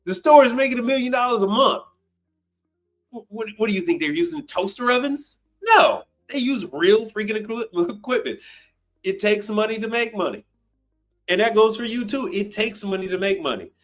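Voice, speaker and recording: A man's voice: high-pitched, animated, normal speed. A man in his fifties hosting a casual call-in live stream, blunt and profane, often repeating himself for emphasis. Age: 50s.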